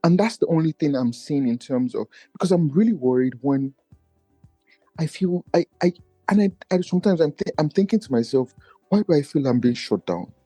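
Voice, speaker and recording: With lively intonation at normal speed, the Nigerian podcast guest talks in a warm tone, though he feels his low voice doesn't carry. He's earnest and searching, restarting his thoughts frequently during a reflective personal conversation. The recording is dry, with soft music in the background.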